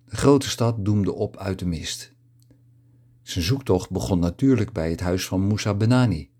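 Low mellow-voiced male narrator. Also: breathy edge. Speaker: audiobook narrator. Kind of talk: scripted narration.

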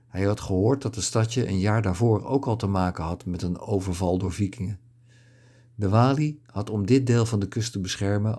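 A man calmly narrating a historical adventure story in a steady, scripted reading. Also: fairly low pitch.

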